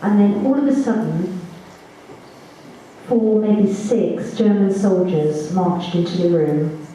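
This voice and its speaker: A woman giving spoken first-person testimony at a reunion, measured and halting, with small restarts, in a large assembly hall on a distant mic. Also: medium pitch, dark tone, a little hiss or hum. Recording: echoey hall from far off.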